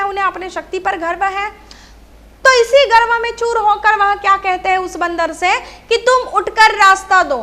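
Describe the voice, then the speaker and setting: A woman's voice: very high voice, sharp tone. A woman teacher explaining a story to children, repeating key phrases and asking rhetorical questions.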